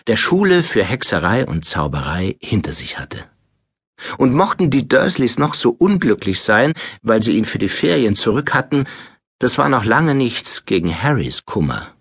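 A man reading an audiobook aloud in expressive storytelling style, switching into many character voices. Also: on the low side, breathy edge, no echo, studio quality. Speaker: audiobook narrator. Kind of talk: scripted narration.

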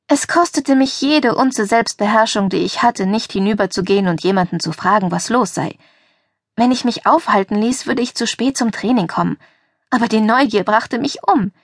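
A young woman reading a first-person novel aloud as an audiobook narrator, lively and lifting her pitch for dialogue. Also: dry recording, studio quality. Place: dry recording booth. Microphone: close studio mic.

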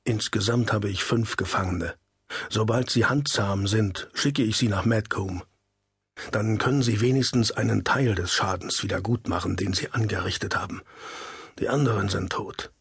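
A man voicing a stern, commanding nobleman and father who speaks curtly and firmly, in a husky, dry audiobook reading. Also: lowish voice, moderate pace, a bit bright, no room sound, heavily acted. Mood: calm report. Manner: curt and firm.

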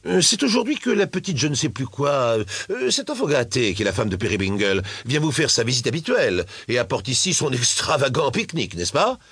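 A man voicing a gruff, scornful older toy merchant in a storybook reading. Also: mid-range voice, very animated, fairly quick, a bit bright, no echo. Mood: grudging. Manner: grumbling, scornful, curt.

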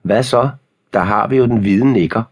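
A man's voice: low voice, darkish tone, husky. A man voicing a cruel, cocky teenage boy bully who mocks and spits insults in an audiobook. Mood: mocking.

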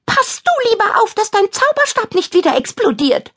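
A woman voicing a mocking, gleeful female witch who sneers at her rival in a high, shrill voice. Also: sing-song, a little slow, gravelly, full character voice. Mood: scolding.

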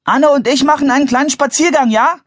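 A man voicing a curious, excitable young boy in a storybook audiobook, speaking urgently in a raised voice. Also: fairly high pitch, moderate pace, husky, no room sound, pitched above the performer's own voice. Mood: excited.

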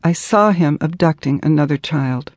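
A woman's voice: low-pitched, darkish tone, no echo, studio quality. Earnest woman reading her memoir. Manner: measured, earnest storytelling. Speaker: author narrating her memoir. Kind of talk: scripted audiobook narration.

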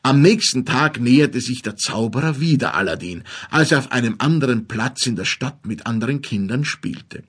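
A man narrating a fairy-tale audiobook in a measured storytelling manner. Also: mid-range voice, lively intonation, fairly bright tone, husky.

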